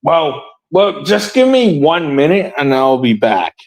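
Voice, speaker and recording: A man's voice: fairly high pitch, big pitch swings, measured pace, creaky, rough recording. A man hosting a casual podcast chat, rambling and hesitant with many fillers and frequent laughs. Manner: laughs often. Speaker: podcast host.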